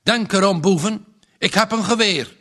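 A man reading aloud and voicing a startled, gruff farmer and father who exclaims loudly. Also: sits high, lively intonation, normal speed, voice pushed up. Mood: alarmed.

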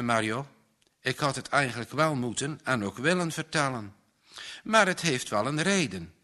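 A man reading out a gentle, devout young man in a storybook, earnest and confiding. His voice is bright, and the delivery is slow and unhurried. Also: mid-range voice, heavily acted.

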